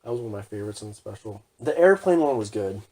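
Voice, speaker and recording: A man's voice: on the low side, expressive, quick pace, a little mellow, low-quality recording. Young man joking on a podcast. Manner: joking, acts out comedians' bits. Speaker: podcast co-host. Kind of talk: casual chat.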